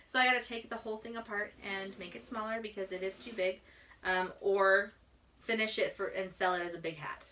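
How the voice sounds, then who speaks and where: A woman's voice: mid-range voice, steady tone, brisk, pushed and bright, slight background noise. A young woman co-hosting a crafting podcast, chatting casually with wry, teasing asides. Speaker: podcast co-host. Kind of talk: casual chat.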